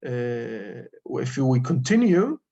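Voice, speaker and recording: A man teaching a Torah class as a rabbi in an informal lecture, halting and searching for his words. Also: medium pitch, big pitch swings, gravelly, mellow. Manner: halting, searching for English words with frequent pauses. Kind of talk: informal study-group lecture. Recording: dull lo-fi recording.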